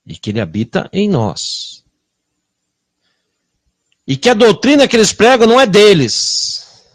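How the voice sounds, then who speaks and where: A man preaching a sermon with a Brazilian Portuguese accent, confrontational and full of rhetorical questions, swinging between loud bursts and hushed asides. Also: high voice, wildly swooping pitch, a little slow, no echo, clean studio sound.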